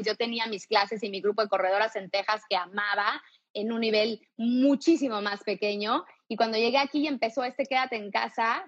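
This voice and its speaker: A woman's voice: on the high side, a bit bright, dull audio. A woman from Mexico with a Mexican Spanish accent, a fitness coach talking candidly and energetically as a guest in an interview, swearing freely. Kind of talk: casual interview talk.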